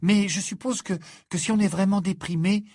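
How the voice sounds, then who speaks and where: A man's voice: high-pitched, fairly even intonation, moderate pace, darkish tone, dry recording, pitched above the performer's own voice. A man voicing a clever, earnest teenage girl who protests and explains in a storybook reading. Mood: explaining. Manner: earnest, indignant.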